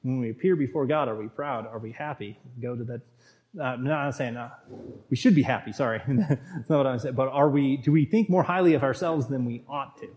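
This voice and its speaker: A man in his thirties leads a casual sermon. He talks in a halting way, stumbling over fillers and starting lines again, and now and then he reads long passages of scripture aloud. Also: mid-range voice, a little mellow. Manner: halting, many fillers and restarts. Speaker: Bible study leader. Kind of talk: informal sermon.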